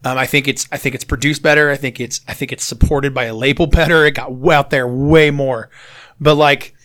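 A man's voice: medium pitch, steady tone, brisk, fairly bright tone. A man in casual, sweary conversation, blunt, with a congested, blocked-nose sound from bad sinuses. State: congested sinuses, recent coughing. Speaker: podcast host. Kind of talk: casual profane music chat.

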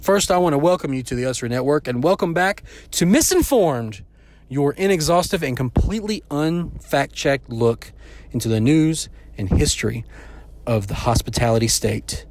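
A man's voice: on the high side, expressive, moderate pace, darkish tone, a little hiss or hum. A man hosting a scripted mock-news comedy monologue in a playful, mock-grandiose way. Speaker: comedy segment host.

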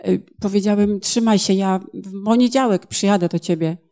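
A woman's voice: mid-range voice, normal speed, dark tone. A woman interpreting a sermon phrase by phrase, in a plain manner with small hesitations.

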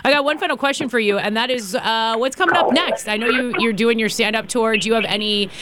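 A woman's voice: a little high, fast talker. A woman co-hosting a radio show in casual conversation with a guest. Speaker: radio co-host. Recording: very noisy radio feed with clicks.

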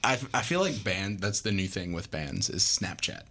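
A relaxed male host leads a casual music-show interview. His voice sits very low but carries a forceful, bright edge. He laughs easily and often doubles back on his words. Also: moderate pace.

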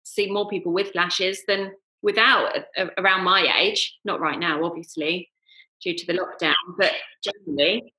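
A woman's voice: lowish voice, steady tone, moderate pace, bright, forceful tone. A woman from Surrey with a southern English Home Counties accent, chatting casually and candidly as an interview guest about her own work. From Surrey, England. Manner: candid, informal storytelling. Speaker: guest, eyelash technician and business owner. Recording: roomy, echoey sound.

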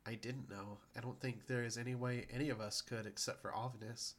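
A man's voice: mid-range voice, steady tone, fairly quick, a little hiss or hum, close to an everyday voice. A man voicing a young injured girl who is tired but blunt and teasing.

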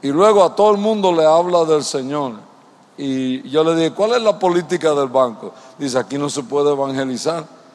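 A man's voice: on the high side, expressive, moderate pace, a little mellow. A male pastor preaching a sermon, telling stories and asking the congregation rhetorical questions. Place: church. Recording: long church-hall reverb.

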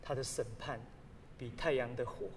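A man preaching a sermon as a pastor, telling stories with sudden loud exclamations. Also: mid-range voice, steady tone, moderate pace, slight background noise. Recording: long hall reverb.

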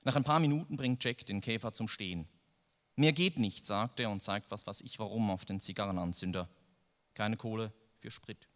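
A man's voice: on the low side, a little fast, a bit bright. Wry male audiobook narrator. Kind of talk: first-person audiobook reading. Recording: long reverb.

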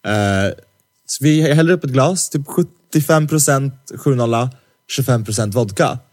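Animated young man telling a story. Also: medium pitch. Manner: lively storyteller who acts out quoted dialogue; heavy slang fillers, teasing jokes. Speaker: podcast co-host. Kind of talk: casual podcast chat, storytelling. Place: podcast studio. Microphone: studio microphone.

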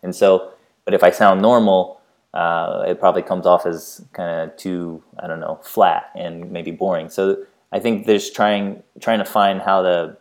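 A man's voice: deep voice, level tone, measured pace. A man co-hosting a podcast in casual chat, thoughtful and hesitant with fillers. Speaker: podcast co-host.

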